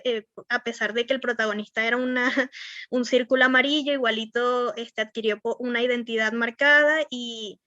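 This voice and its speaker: A young woman with a Venezuelan Spanish accent teaches an online class on verbal skills in a slightly high, bright, sharp voice. She rambles with plenty of fillers like "o sea" and "este" and checks in with her students constantly. The lo-fi audio is dry and dull, with no room sound.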